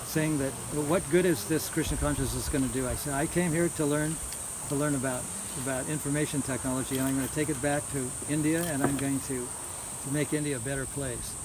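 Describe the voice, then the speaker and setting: Over loud hiss and chirping crickets, a religious lecturer with a medium-pitched, steady voice reminisces haltingly at a housewarming, repeating words as he recollects. The informal lecture is given to a small live audience in a noisy, outdoor-like recording.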